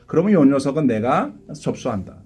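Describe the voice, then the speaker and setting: A cocky, mocking male demon sneers at a doubter in a slightly lowered voice, as a pastor puts him on mid-sermon. The pitch still swings in a lively way. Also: brisk, breathy edge. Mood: sneering.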